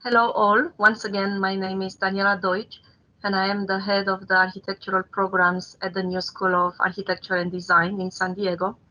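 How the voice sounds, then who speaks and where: A woman's voice: medium pitch, flat delivery, brisk, pushed and bright, highs cut off. A woman who heads a university's architecture programs, co-hosting a panel in a polished, gracious manner.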